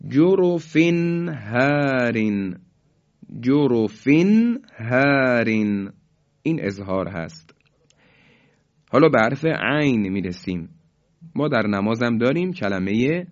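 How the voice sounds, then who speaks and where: Guy teaching quran recitation, quick explaining then slow careful example words, medium voice, dull muffled lo-fi sound. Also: medium pitch. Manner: explains briskly, then draws out example words slowly and clearly. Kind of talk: classroom-style lesson.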